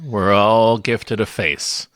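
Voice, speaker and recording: A man's voice: fairly low pitch, steady tone, slow, a bit bright. A man co-hosting a film podcast, ranting in mock outrage with a dramatic, joking delivery. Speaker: podcast co-host. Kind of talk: casual film review chat.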